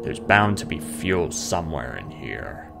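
Gravelly and bass-heavy, his voice swings widely in pitch at a slightly slow pace. The gamer chats and mutters to himself through a horror video game, playfully singing nonsense sounds and reading on-screen notes aloud over game music.

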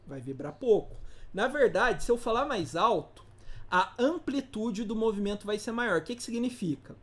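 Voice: medium pitch, lively intonation, normal speed. An instructor giving a casual live class, informal and slangy, often putting rhetorical questions to the audience. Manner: slangy, playful teaching asides.

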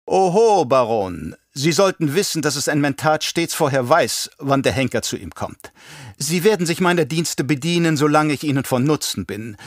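A man's voice: a little high, expressive, moderate pace, no room sound, studio quality, pitched above the performer's own voice, lightly acted. A man reading an audiobook and voicing a sly, mocking assassin advisor who taunts his master. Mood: taunting. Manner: smug, taunting.

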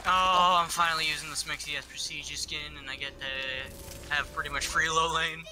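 A man's voice: fairly high pitch, fairly even intonation, fairly quick, pushed and bright. A young man on a voice call while gaming, griping and sarcastic about other players. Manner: complaining, aggravated, sarcastic. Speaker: teammate on a voice call. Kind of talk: casual gaming chat.

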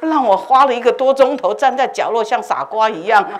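A woman Buddhist master giving a dharma talk as a lively story, acting out dialogue and sound effects. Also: a little high, fairly quick. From China. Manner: animated, acts out dialogue with laughs and sound effects. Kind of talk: storytelling sermon. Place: temple hall.

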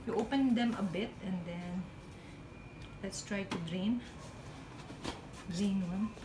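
A middle-aged woman talks through a home cooking demonstration step by step, in a chatty, easygoing way. She sounds like she is in a small kitchen with a lot of echo, filmed on a phone. Clear background noise comes through behind her voice. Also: mid-range voice, takes it slowly. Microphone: handheld phone camera filming her.

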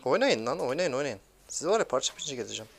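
A young man giving excitable, grumbling commentary while playing a mobile game, swearing at teammates. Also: medium pitch, racing, gravelly, a little hiss or hum. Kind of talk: live gameplay commentary.

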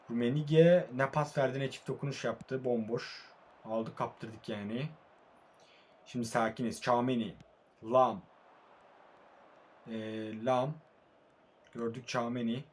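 Late at night and sounding sleepy, a young man commentates live on his own mobile football game match. He speaks casually in a mid-range voice, swinging between calm murmuring and frustrated outbursts.

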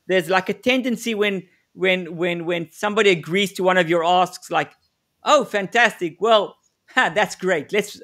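A man's voice: high-pitched, a bit bright. A man presenting a live webinar on negotiation, giving direct, coaching advice with frequent fillers and restarts, heard over a video call.

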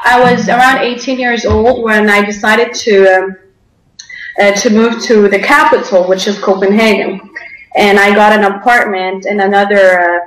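A woman's voice: mid-range voice, roomy sound, low-quality recording. A young woman from Denmark answering interview questions over a video call, hesitant with many fillers.

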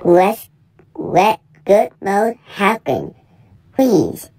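A woman's voice: mid-range voice, sing-song, very slow, creaky, a little mellow, slightly rough. A woman narrating a skit and reacting plainly to what happens.

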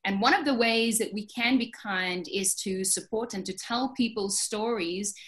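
A woman radio and TV presenter hosting an online interview, chatty and enthusiastic, speeding up when excited. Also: medium pitch, moderate pace.

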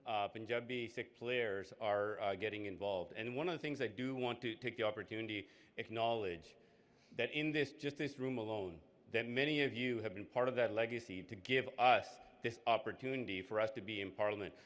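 A man, a politician giving a halting speech from a podium in a hall. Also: fairly low pitch, fairly bright tone. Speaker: politician co-hosting an event. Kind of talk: public speech. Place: indoor hall, on stage at a podium. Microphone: podium microphone.

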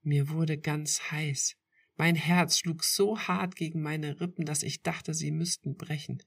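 A woman reading a first-person romance story aloud in a slow, intimate storytelling manner. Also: sits low, fairly even intonation, gravelly, slightly rough. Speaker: podcast reader.

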